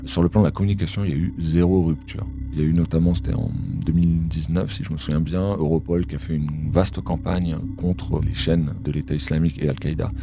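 Analyst guest, male, voice-changer disguise pushing his voice extremely deep; measured, explains things with hesitations. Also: fairly even intonation, over music. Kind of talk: podcast interview.

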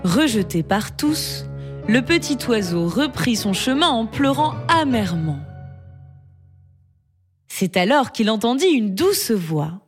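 Storyteller, female, expressive and lively, over background music. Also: on the high side, takes it slowly. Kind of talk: storybook narration.

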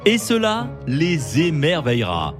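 Male actor: storybook creator spirit, booming and commanding, with music under it. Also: huge pitch swings, unhurried. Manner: commanding deep "big voice". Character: great male creator spirit, patient but stern. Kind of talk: storybook reading.

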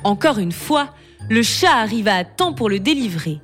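A woman storyteller reading a bedtime fable aloud in a slow, expressive way. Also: on the high side, soft background music.

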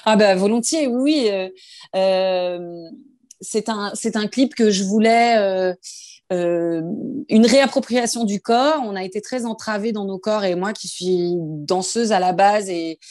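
A woman singer speaking as an interview guest, pausing often to search for her words and restarting her sentences. Her voice sits at an ordinary middle pitch, and it is recorded close and dry on a phone she holds in her hand. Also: darkish tone, dry recording. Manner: thoughtful, hesitant, many fillers and restarts. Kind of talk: interview answers. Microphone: phone held in hand.

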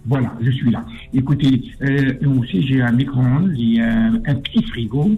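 A man's voice: mid-range voice, normal speed. Man phoning in, stammers and repeats himself, tinny phone sound, faint music. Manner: stammering, repeats words, insistent. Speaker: caller. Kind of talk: phone-in chat.

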